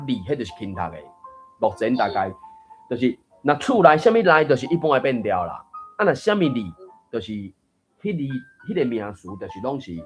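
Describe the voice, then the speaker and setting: A man in the host's seat of a language reading group, his voice sitting at an ordinary middle pitch. He talks patiently and repeats example words one by one as he corrects the readers. Soft music runs faintly behind him on the call. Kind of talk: explaining tone sandhi and correcting readers.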